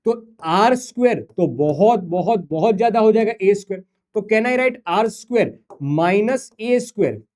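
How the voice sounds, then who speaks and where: A man's voice: sits high, animated, measured pace, hardly any pauses, darkish tone. A man teaching a physics lesson at a whiteboard, coaxing and a little singsong as he talks to his students. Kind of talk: whiteboard lecture.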